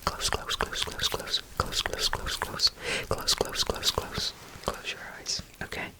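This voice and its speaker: An ASMR roleplayer whispering softly and soothingly as a caretaker, repeating gentle phrases and reading a bedtime story aloud. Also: takes it slowly.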